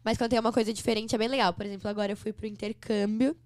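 A woman from Brazil, a podcast guest, telling stories in an animated, chatty way. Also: mid-range voice, rapid-fire, no echo, clean studio sound. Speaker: interview guest. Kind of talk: casual chat.

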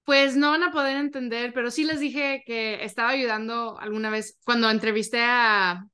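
A woman's voice: on the high side, fairly even intonation, moderate pace, sharp tone, clear, resonant tone. A woman podcast guest chatting casually in non-fluent, with an occasional English word slipped in. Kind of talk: casual chat.

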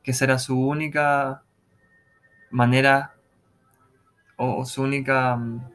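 A man telling his own paranormal experience in a relaxed, halting, casual way, full of restarts and slang. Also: mid-range voice, smooth. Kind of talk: casual first-person storytelling.

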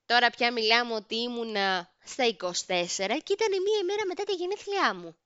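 A young woman hosting a podcast, telling comic personal stories in an animated, self-mocking and dramatic way. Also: on the high side, clear, resonant tone, dry recording. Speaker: podcast host. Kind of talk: comedic personal storytelling. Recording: dull lo-fi recording.

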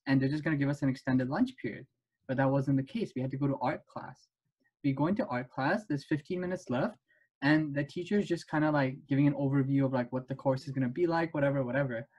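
A man hosting a casual podcast chat over a video call, telling stories with quick asides. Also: on the high side, darkish tone, breathy edge, lo-fi sound. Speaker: podcast host.

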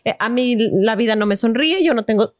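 A woman's voice: fairly high pitch, brisk, dry recording. A Mexican woman hosting a podcast, talking casually and quoting everyday complaints. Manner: relaxed, colloquial, quotes everyday complaints. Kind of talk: casual chat.

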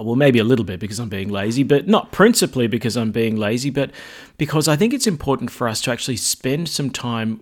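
A man speaking as a priest, giving a Gospel reading and homily. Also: medium pitch.

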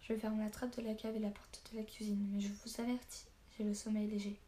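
Gruff, stern tavern keeper, read by a woman, blunt and flat-voiced in a storybook reading. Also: mid-range voice, fairly quick, a little hiss or hum, lightly acted. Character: gruff middle-aged male tavern keeper.

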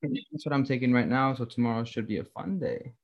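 A man's voice: medium pitch, a little fast, lo-fi sound. A young man co-hosting a casual chat, answering quiz questions with jokes and hesitant ums.

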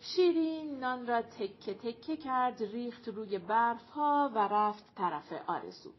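A woman reading an audiobook aloud with expressive, measured storytelling. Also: fairly high pitch, slight background noise. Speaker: audiobook narrator. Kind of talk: scripted narration. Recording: muffled lo-fi recording.

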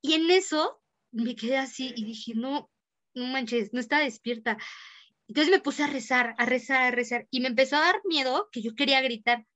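Mexican woman, young adult, podcast co-host; bright, higher voice, lively storyteller who voices the quotes. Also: brisk. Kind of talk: casual chat, storytelling.

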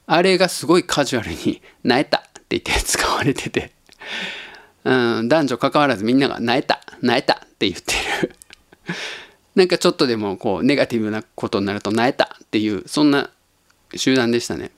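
A man from Tottori hosts a casual solo podcast at a middle pitch. He muses in an easygoing, unhurried way and chuckles often. The voice sounds close and dry, with no room sound. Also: lively intonation, no room sound. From Tottori, Japan. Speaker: podcast host.

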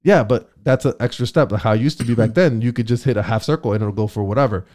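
A man's voice: mid-range voice, darkish tone. Slangy, swearing man in casual chat. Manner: profane, slangy, says "bro" a lot; halting, restarts phrases.

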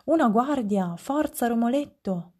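A woman's voice: medium pitch, normal speed, mellow, husky, close to an everyday voice. A woman voicing a young male bar errand boy in a read-aloud storybook, flustered and talking to himself.

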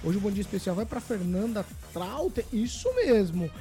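A man's voice: high-pitched, lively intonation, normal speed, warm tone, soft background music. A man hosting a morning radio show, chatty and playful, greeting listeners by name.

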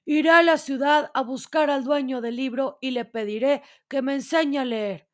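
A woman voicing a gentle, earnest male brown bear in a storybook who longs to learn to read. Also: high voice, moderate pace, pitched above the performer's own voice, lightly acted. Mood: hopeful. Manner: hopeful, earnest, mild.

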